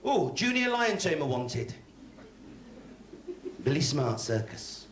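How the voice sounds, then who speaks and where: Lively English West Country comedian on stage. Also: male voice, on the high side. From England. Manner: storytelling with quick voice switches for each character. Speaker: stand-up comedian. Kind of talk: stand-up comedy set. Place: live stage in a hall. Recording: echoey live hall with faint noise.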